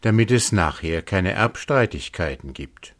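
A crafty old ram pleads in a meek, slightly raised voice, as a man reads him. Beneath the humble tone sits a sly calm. It is a storybook reading. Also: deep voice, measured pace.

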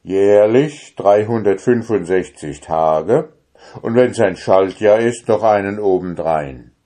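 A man voicing a huge, clumsy, dim-witted giant in a storybook reading, with a loud, booming delivery. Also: takes it slowly.

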